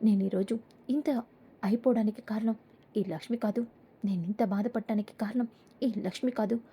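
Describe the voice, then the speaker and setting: A woman's voice: medium pitch, steady tone, normal speed, dark tone, breathy edge. Mitra, a woman reading a bitter husband. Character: angry young husband, bitter and stubborn. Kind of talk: serial episode recap read aloud.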